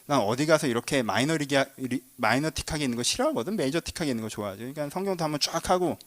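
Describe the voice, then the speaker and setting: A man's voice: mid-range voice, expressive, racing. A male pastor giving a conversational sermon in a church, asking the congregation questions and joking with them.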